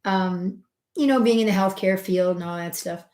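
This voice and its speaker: This middle-aged homeopath, host of her own health channel, chats casually to camera about a personal experience, using plenty of fillers and tangents. Her mid-range voice moves at a normal speed and swings from loud emphasis to soft asides, recorded in a room with roomy echo.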